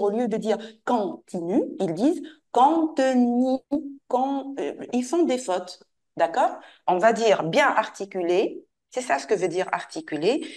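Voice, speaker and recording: A woman teacher giving an online French lesson to a pupil, patiently repeating and modeling words slowly. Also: medium pitch, a little mellow.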